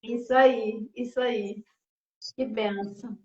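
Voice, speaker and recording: High-voiced woman host, echoey. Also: steady tone, slow pace. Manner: warmly encouraging, short affirmations. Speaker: live-stream host. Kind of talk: casual church live chat. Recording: echoey, dull, faintly noisy stream audio.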